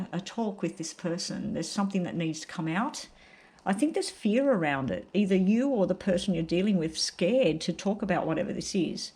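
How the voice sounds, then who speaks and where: A woman giving a casual, unhurried tarot card reading while suffering from a very sore throat. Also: mid-range voice, darkish tone. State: very sore throat, may choke up.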